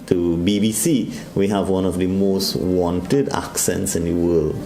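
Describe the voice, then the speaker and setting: A Trinidadian man addresses listeners with a devotional sermon during a morning broadcast, his voice low and mellow yet given to sudden high swoops. His intonation is otherwise fairly even and his pace measured, and the space sounds echoey.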